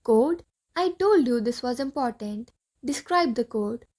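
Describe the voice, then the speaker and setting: A woman's voice: fairly high pitch, animated, unhurried, a little mellow. A woman reading the part of a pompous, bossy male Martian leader in an audiobook play, with a commanding, easily alarmed manner.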